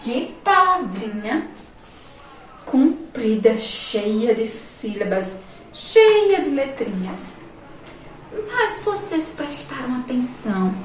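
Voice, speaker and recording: A woman teacher with a Brazilian Portuguese accent giving a remote lesson to young children, spelling words out slowly, syllable by syllable. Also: fairly high pitch, very animated, slight background noise. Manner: slow, syllable-by-syllable teacher talk with diminutives. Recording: echoey distant room mic, faint ambience.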